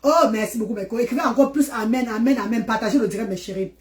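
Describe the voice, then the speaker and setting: A woman's voice: fairly high pitch, very fast, crowd noise. A middle-aged woman from Central Africa, hosting a live stream and talking to her viewers in an affectionate, preachy way, urging them on with lots of repetition.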